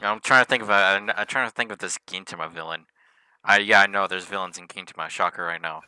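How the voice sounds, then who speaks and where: A man's voice: low voice, fast, background noise. A man chatting casually on a voice call, rambling and giggly, with frequent restarts and swearing.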